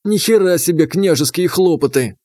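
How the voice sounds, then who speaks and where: A man's voice: high-pitched, lively intonation, normal speed, mellow, no echo. A man narrating an audiobook in the first person, dry and sardonic.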